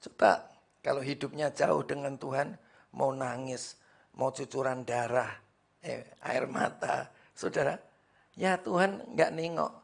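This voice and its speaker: A man's voice: medium pitch, slow, creaky, long pauses. A male pastor preaching a sermon at a church service, speaking emphatically and often addressing the congregation directly.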